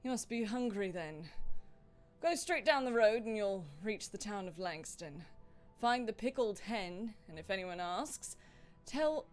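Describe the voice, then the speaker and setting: A woman putting on a loud, jovial dwarf druid, stocky and hearty, booming his lines in a tabletop game. His voice sits at an everyday middle pitch, with quiet music playing underneath. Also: expressive, unhurried, natural voice.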